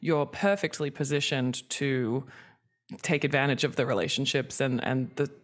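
A woman with an extremely low voice speaks at a moderate pace with fairly even intonation. She's an entertainment executive and writer appearing as a podcast guest, an Australian raised in Hong Kong, and she talks candidly in a chatty, casual way.

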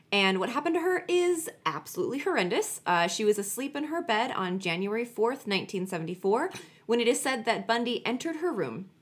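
A woman with a medium-pitched voice co-hosts a true crime podcast. She tells stories conversationally and stresses her points by repeating words. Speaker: podcast co-host. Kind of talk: chatty true crime storytelling.

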